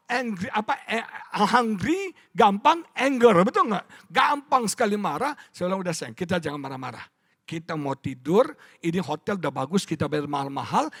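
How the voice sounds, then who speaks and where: A middle-aged man preaches in a notably high voice, recorded dry and close. He tells a story to the congregation, often asks them to answer back, and moves between quiet murmurs and loud outbursts. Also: no room sound. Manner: storytelling, audience call-and-response; wide swings from hushed to loud. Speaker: pastor. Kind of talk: sermon. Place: church stage.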